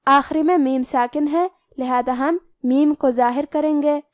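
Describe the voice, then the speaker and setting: High-voiced woman teaching Quran recitation. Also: fairly even intonation, dry recording. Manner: methodical, explains each rule then recites the word slowly. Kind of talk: tajweed lesson, explaining letter rules.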